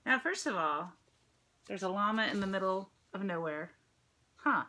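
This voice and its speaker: A middle-aged American woman reads a picture book aloud to children as a teacher would, expressive and chatty, asking her listeners questions. Her mid-range voice is animated, bright and forceful, moving at normal speed. The setting is a room at home with a dresser and ceiling fan, recorded on a phone or tablet at arm's length.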